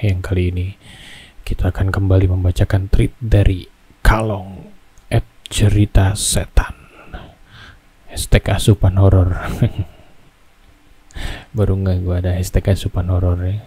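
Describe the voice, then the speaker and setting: A man's voice: low voice, flat delivery, measured pace, long pauses, warm tone, slightly rough. A man hosting a horror story reading, telling it in a casual, chatty way with asides to listeners. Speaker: host reading horror stories. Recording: music bed under the voice. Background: background music.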